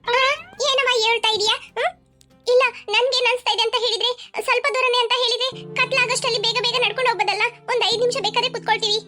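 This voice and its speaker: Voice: very high-pitched, flat delivery, rapid-fire, sharp tone. A performer voicing a fussy, tired middle-aged woman in a cartoon, complaining and bossy, with children's music behind. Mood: grumbling. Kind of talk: cartoon voice acting.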